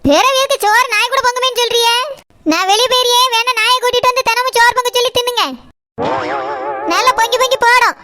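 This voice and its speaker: A voice actor playing a young, sharp-tongued village daughter-in-law in a cartoon, with a Kanyakumari Tamil accent, talking back quickly. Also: very high voice, steady tone, very noisy. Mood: defiant. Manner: talks back, quick and cheeky.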